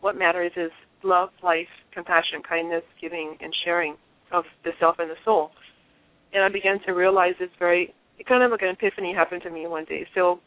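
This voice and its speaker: Over a tinny, dry phone line with no echo, a woman from Liberia tells her own story in an interview. She speaks earnestly and reflectively, restarting frequently, in a fairly low-pitched voice.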